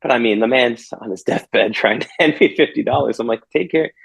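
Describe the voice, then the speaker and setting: A man's voice: mid-range voice, fairly quick, gravelly, a bit bright, husky, low-quality recording. A man, a pastor, telling a personal story in an interview, earnest and reflective, often restarting his phrases. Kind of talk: conversational storytelling.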